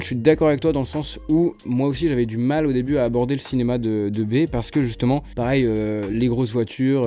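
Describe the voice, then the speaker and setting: A young man hosting a casual film debate, talking quickly and keenly with slang and many fillers. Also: mid-range voice, dark tone.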